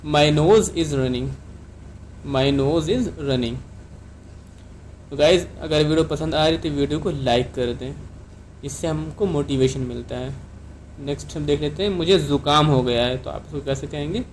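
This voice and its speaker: Indian male English tutor, slightly high voice, slow repeated drill phrases, faint noise behind. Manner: explains in Hindi, repeats each English sentence slowly. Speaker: English teacher and channel host. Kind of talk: Hindi-medium English lesson, reading phrases slowly twice.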